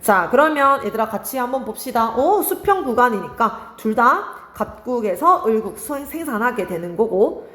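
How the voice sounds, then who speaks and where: A woman's voice: on the high side, big pitch swings, moderate pace, a bit bright, echoey room. A young woman teaching an exam-prep lesson, asking her students questions and answering them herself. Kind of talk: online exam-prep lecture.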